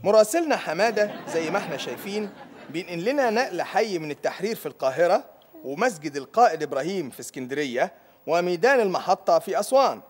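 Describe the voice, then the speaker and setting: A man's voice: high-pitched, sing-song, fast talker, over music. A man playing an Egyptian TV news anchor who calls on correspondents for live updates in a parody breaking-news broadcast. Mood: brisk, inquiring. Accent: Egyptian Arabic. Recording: crowd noise behind.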